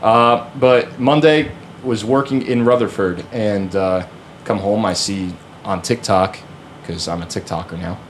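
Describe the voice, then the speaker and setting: A man's voice: fairly low pitch, unhurried, a little hiss or hum. A man hosting a podcast in casual, slangy chat with casual swearing. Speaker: podcast host.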